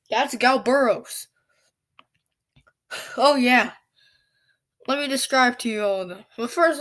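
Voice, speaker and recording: A woman casually commenting on a monster battle video, rambling and tripping over names as she corrects herself. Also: fairly high pitch. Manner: off-the-cuff asides and self-corrections. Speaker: channel host.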